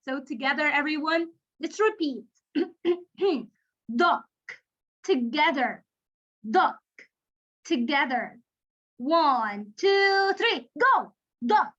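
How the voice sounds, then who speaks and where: A woman who speaks natively teaches a kindergarten class over a video call, her voice pitched very high and her delivery unhurried. She praises and coaxes in a sing-song manner. The lo-fi call audio sounds dull. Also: lively intonation, fairly bright tone.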